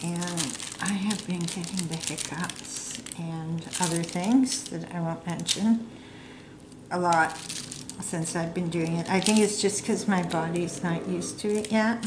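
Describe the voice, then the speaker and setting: A woman's voice: on the low side, steady tone, slow pace. A middle-aged woman chatting casually and rambling while she works on a craft project at home, sometimes putting herself down. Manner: rambling, chatty, self-deprecating. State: hiccups. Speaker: crafting vlogger. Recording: echoey room with clear background noise.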